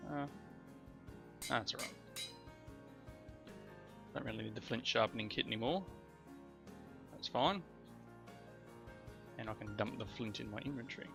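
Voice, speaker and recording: A let's play host with a creaky, mid-range voice is coming down with a cold as he chats through a video game. His casual commentary rambles and corrects itself, captured in a slightly dull lo-fi recording with faint music in the background.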